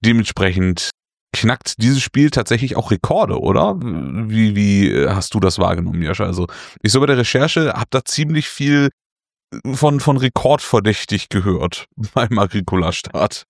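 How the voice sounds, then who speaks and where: A man's voice: lowish voice, animated, normal speed, vocal fry, no echo, clean studio sound. A man co-hosting a casual board game news podcast, self-mocking and jokey, laughing at his own slips. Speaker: podcast co-host.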